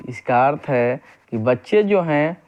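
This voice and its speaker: A man's voice: mid-range voice, expressive, lo-fi sound. A man teaching a grammar lesson, explaining step by step, putting questions to the class and answering them himself. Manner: reads example sentences slowly and deliberately.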